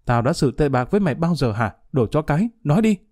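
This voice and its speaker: A man voicing a jealous, violent young thug in a spoken story, harsh and shouting. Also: mid-range voice, animated, normal speed, no room sound, studio quality, close to an everyday voice. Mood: enraged.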